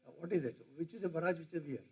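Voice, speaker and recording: An older professor with an Indian English accent gives a rambling lecture to faculty, speaking rapid-fire in a fairly high, darkish voice with a breathy edge. He digresses a lot and keeps putting questions to the teachers in the room.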